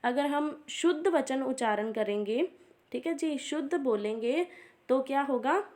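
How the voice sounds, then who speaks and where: A woman. She reads points off in a steady run of lists. She breaks the lists with short "theek hai ji" asides. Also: high voice, measured pace. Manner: steady list-reading, frequent "ठीक है जी" asides. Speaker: teacher. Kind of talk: exam revision lecture.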